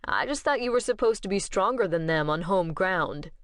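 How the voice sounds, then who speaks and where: A brash, protective young man talks bluntly and pushes back, as a woman narrator voices him. The voice is lowish and dry, close to the mic. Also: expressive, moderate pace, no room sound, lightly acted. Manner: blunt, challenging.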